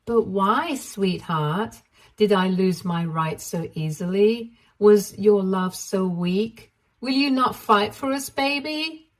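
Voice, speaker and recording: A woman's voice: mid-range voice, slow, lightly acted. A woman voicing a scornful cheating ex-wife who pouts, whines and accuses. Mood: pouting. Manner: pouting, whiny and accusing.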